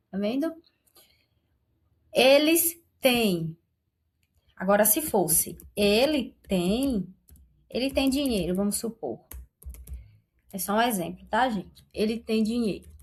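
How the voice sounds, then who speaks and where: A woman teaching an online grammar lesson, explaining patiently and often checking in with her viewers. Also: a little high.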